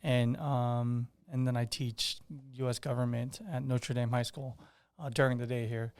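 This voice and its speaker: A man in his thirties from Guam with a smooth, clean voice that stays level and steady. He speaks as a candidate, earnest and plain, often restarting his sentences. The sound is dry and close. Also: medium pitch, moderate pace, no echo. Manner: earnest, many restarts and fillers. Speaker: political candidate. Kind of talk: casual interview talk.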